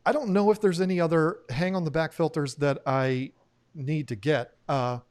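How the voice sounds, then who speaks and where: A man's voice: on the high side, fairly even intonation, moderate pace, darkish tone. A man hosting a live stream, chatting casually, rambling and laughing as he loses his train of thought. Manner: rambling, laughs often, trails off mid-sentence. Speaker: host of an aquarium live stream. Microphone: new studio microphone.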